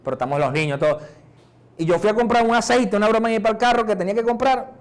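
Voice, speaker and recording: A middle-aged Venezuelan man preaching a sermon as pastor, conversational, dropping softer to act out prayers. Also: high-pitched, racing. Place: church.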